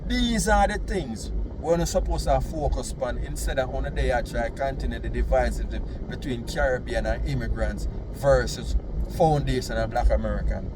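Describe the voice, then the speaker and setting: A man's voice: mid-range voice, normal speed, background noise. A man with a Jamaican accent giving an emphatic, repetitive monologue of social commentary in Rastafarian patois. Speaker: vlogger.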